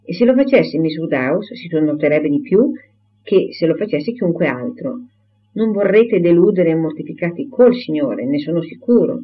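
A man voicing a genial, courteous gentleman who reasons patiently with an old friend. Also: a little high, sing-song, moderate pace. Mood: persuasive. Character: genial, persuasive middle-aged gentleman. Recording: tinny phone-like audio.

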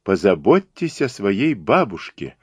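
A fearless young female acrobat in an audiobook, voiced by a man. She sounds cheeky and confident, a touch higher than the narration, recorded close and dry. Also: big pitch swings, measured pace, a little mellow, slightly rough, dry recording, exaggerated voice. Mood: teasing.

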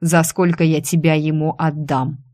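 A woman voicing a gruff, domineering male boss in an audiobook, speaking slowly and menacingly, then snapping into angry scolding. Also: low-pitched, flat delivery, mellow, lightly acted. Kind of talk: audiobook character reading.

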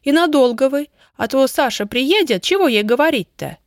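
A woman's voice: sits high, expressive, normal speed, no echo, clean studio sound, voice pushed up. Woman doing a grumbling old village landlady. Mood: fretting. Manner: rustic colloquial speech, fussing and scolding.

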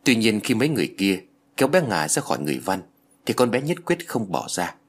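A man narrating a ghost story with a dramatic, expressive reading. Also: on the low side, fast talker.

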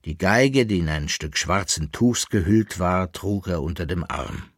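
A man reads a literary novel aloud in a measured, expressive way. His voice is low and husky, with lively pitch. The recording is close and dry. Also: no echo. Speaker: audiobook reader. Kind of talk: literary audiobook narration.

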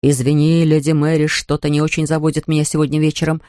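A man reading an audiobook, voicing an amorous, indulgent young man in a lowered, murmuring voice, in a dry studio. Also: completely flat delivery, fast talker, warm tone, dry recording, natural voice.

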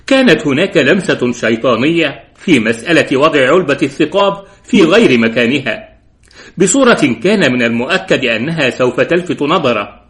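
A man narrates a detective story in a measured audiobook reading. His voice sits at an ordinary middle pitch for a man. He keeps an even, steady delivery and touches the dialogue only lightly. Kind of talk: scripted narration.

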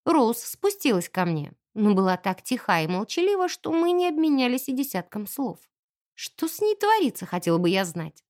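A woman narrating a first-person audiobook in an expressive, wry storytelling manner. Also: mid-range voice, normal speed, few pauses.

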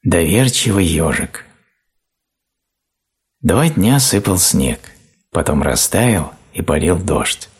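Deep, husky male storyteller. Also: expressive, slow, long pauses. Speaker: narrator. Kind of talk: reading children's fairy tales aloud.

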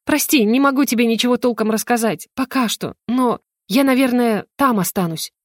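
A woman reading the part of a secretive young woman friend who speaks quietly and hesitantly. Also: on the high side, normal speed, no room sound, studio quality, voice pushed up, close to an everyday voice.

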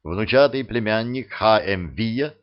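Male audiobook narrator, low voice, lively intonation, slow unhurried reading, dull lo-fi sound. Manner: expressive storytelling, acting out the characters. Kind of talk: scripted narration.

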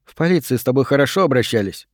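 A man voicing an earnest teenage schoolgirl who speaks softly and pleadingly in an audiobook. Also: mid-range voice, animated, very fast, no echo, studio quality, lightly acted. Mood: gentle. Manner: soft-spoken, pleading.

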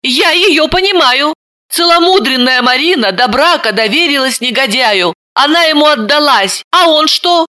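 A woman doing a shrill, tearful young woman. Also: expressive, moderate pace, bright, forceful tone. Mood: distraught. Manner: wailing, high-strung.

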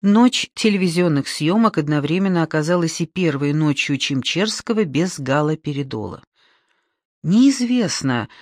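A narrator reading a novel aloud in an expressive storytelling manner. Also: mid-range voice, dry recording, studio quality. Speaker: audiobook narrator. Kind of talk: scripted audiobook narration.

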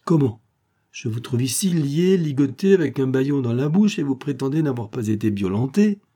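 A man's voice: mid-range voice, lively intonation, moderate pace, breathy edge. Man doing a blustering angry police chief. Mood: exasperated. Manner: blustering, angry, shouting questions. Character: exasperated middle-aged male police chief. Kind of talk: audiobook character voice.

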